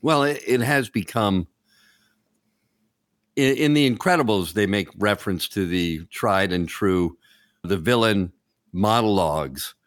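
A low-voiced man hosts a casual podcast chat, enthusiastic and joking as he talks. He is recorded close on a dry mic. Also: measured pace, long pauses, no echo. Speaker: podcast host.

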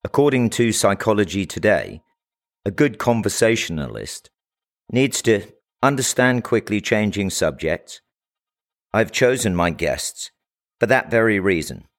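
Low-voiced podcast host, measured. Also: male voice, big pitch swings. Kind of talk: scripted intro then casual interview.

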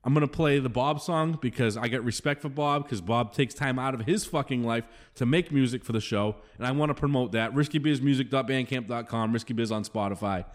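A man's voice: medium pitch, brisk, few pauses. A man hosting a podcast alone, venting in an angry, profane rant and repeating himself. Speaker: podcast host. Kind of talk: solo rant. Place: home studio room.

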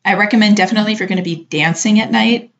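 A woman co-hosting a show, giving relaxed, chatty advice with lots of filler words. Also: mid-range voice, rapid-fire. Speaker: podcast co-host answering listener questions. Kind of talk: casual advice chat. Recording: dull lo-fi sound.

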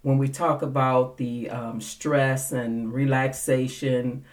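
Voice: mid-range voice, level tone, slow pace. Distant-sounding interview host, rambling questions. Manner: rambling questions with many fillers and restarts. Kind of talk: casual interview talk. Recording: voice distant from the mic.

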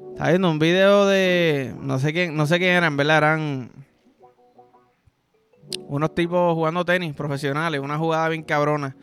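A man's voice: on the high side, a bit bright. A young Puerto Rican man hosting a podcast, rambling through vulgar comic stories with sound effects and frequent swearing. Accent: Puerto Rican Spanish. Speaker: podcast host. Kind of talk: crude comedic monologue.

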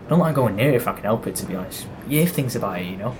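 Racing along with lively intonation, a performer voices a gossipy, grumbling railwayman in an amateur audio drama, his mood uneasy and his speech colloquial and conversational. The voice is natural and medium-pitched, and faint ambience and background noise can be heard.

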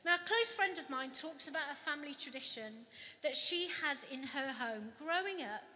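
A Welsh woman pastor giving a gentle, reflective sermon at a candlelit carol service. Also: sits high, animated. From Wales. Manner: gentle, reflective, slow with pauses. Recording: long church reverb, faint ambience.

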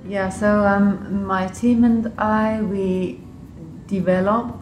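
With a darkish, mid-range voice, fairly even intonation and a slow pace, a woman from Switzerland and Liechtenstein speaks with an English accent. She's a public health official giving hesitant, thoughtful unscripted interview answers, recorded with roomy echo over background music.

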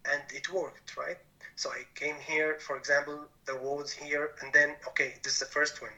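Earnest Syrian-born man, bright voice. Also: a little high, flat delivery, moderate pace, lo-fi sound. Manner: earnest, rephrases often in non-native English. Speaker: podcast guest. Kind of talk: conversational interview.

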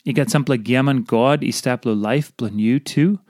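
Male devotional speaker for scripture reading and exposition, mid-pitched voice, very dry sound. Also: moderate pace, a little mellow, dry recording.

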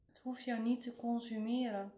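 A woman leading a guided relaxation meditation in a soothing, gentle way, leaving long pauses. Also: fairly high pitch, flat delivery. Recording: roomy, echoing voice recording.

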